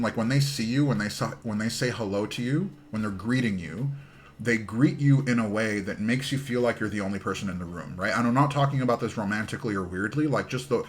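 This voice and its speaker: In casual live-stream chat, a man in his thirties builds a keyboard and tells rambling tales that keep trailing off and restarting. He speaks fairly quickly in a fairly low voice.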